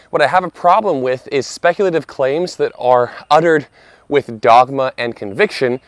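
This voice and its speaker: A man in his thirties hosts his video channel with earnest, conversational commentary and playful asides, his fairly high voice slightly hoarse from a lingering cough. The casual, scripted talk is captured in a dry recording.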